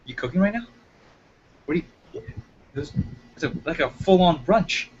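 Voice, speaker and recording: A man's voice: high-pitched, lively intonation, moderate pace, dull audio, slight background noise. A man playing an uptight, rule-obsessed roommate in an improv comedy scene, fussy and indignant. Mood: incredulous.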